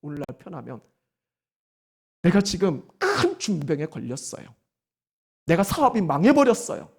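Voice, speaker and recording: A woman pastor giving a Sunday sermon, animated and firing rhetorical questions at the congregation. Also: lowish voice, moderate pace, vocal fry, slightly rough.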